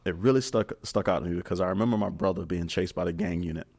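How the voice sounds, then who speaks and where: A man's voice: sits low, quick pace, darkish tone, breathy edge. A man hosting a podcast, speaking in an earnest and reflective way in a casual interview. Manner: earnest, reflective, calls the guest brother. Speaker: podcast host.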